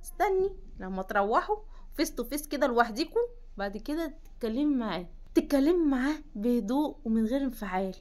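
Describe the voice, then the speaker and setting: A woman's voice: fairly high pitch, expressive, quick pace, a little mellow. A young adult woman with an Egyptian Arabic accent, giving emphatic, coaching advice straight to the viewer in a self-help vlog. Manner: emphatic, coaching, addresses listener as "you".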